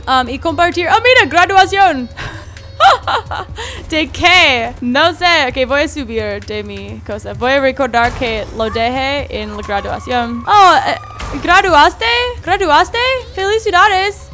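Woman gamer, high voice, giggly and excitable, faint game music behind. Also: takes it slowly. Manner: excitable, giggly, exclaims a lot. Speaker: gaming YouTuber. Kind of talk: casual let's-play commentary.

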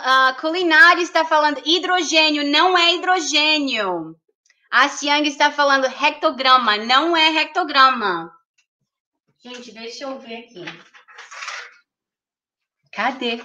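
Woman, livestream host, casual chat, giggly, unhurried, high voice. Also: sharp tone. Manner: chatty, reads viewer comments aloud, switches between Portuguese and English; giggly, laughs often.

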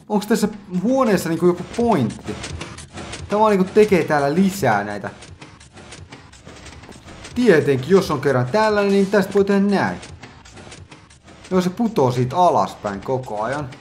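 A man's voice: fairly high pitch, very animated, long pauses, a little mellow, a little hiss or hum. A man giving casual, joking let's play commentary, reacting aloud to everything he finds in a game. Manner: chatty, joking, reacts aloud to what he sees. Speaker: gaming channel host.

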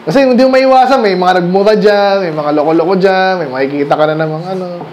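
A man's voice: sits high, fast, darkish tone, highs cut off, slight background noise. A man from the Philippines preaching a sermon in a conversational style, firing rhetorical questions at the congregation and switching between Tagalog and English. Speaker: pastor. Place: church during a Sunday night service.

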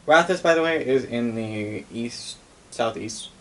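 A young adult man with a mid-range, slightly bright voice speaks a little slowly, casually recounting game lore off the cuff in a wry, sweary way. A camera mic a few metres away in his living room picks him up, with clear background noise in the room.

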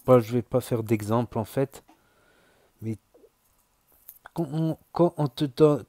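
Southern French man, dark dry voice. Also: mid-range voice, no echo. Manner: halting, repeats himself, many fillers. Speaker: YouTuber. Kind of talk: casual spoken commentary.

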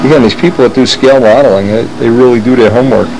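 Enthusiastic man rambling over a steady hum. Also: medium pitch, very fast. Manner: enthusiastic, rambling, thinking aloud. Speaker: model aircraft builder showing plans. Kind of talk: casual show-and-tell narration.

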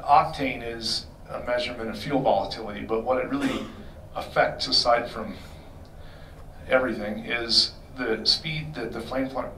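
Answering audience engine questions at a hotel meeting room Q&A, a middle-aged performance shop expert talks conversationally into a handheld mic, explaining and self-correcting. His medium-pitched voice has a sharp tone. The distant camera makes it sound roomy, with a little hiss or hum.

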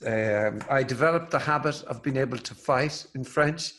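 Male host, unhurried, stumbling fillers in a loose conversation. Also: mid-range voice, fairly bright tone. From Ireland. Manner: hesitant, halting French with many fillers. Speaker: podcast host. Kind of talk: casual chat.

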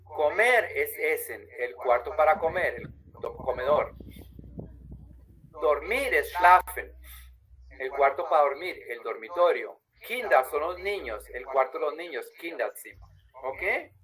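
A man teaches German in an online class over a video call, patiently drawing out each word slowly. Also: on the high side, animated, a bit bright, low-quality recording.

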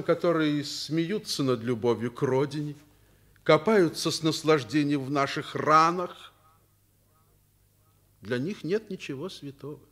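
In a Soviet radio drama, an actor plays a principled, fatherly male school headmaster. His voice is a little high, and he speaks deliberately and emphatically, pausing between phrases.

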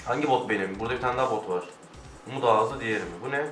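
Excitable man shouting at a game. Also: medium pitch, very fast. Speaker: gamer. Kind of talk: casual let's-play commentary. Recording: roomy, distant mic with faint music.

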